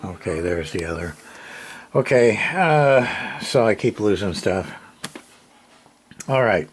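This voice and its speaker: A CB radio repair hobbyist narrates his hands-on work in a folksy, plain-spoken way, rambling and muttering to himself. His voice is on the low side, expressive, and slow. The recording is noisy, with clicks and radio sound.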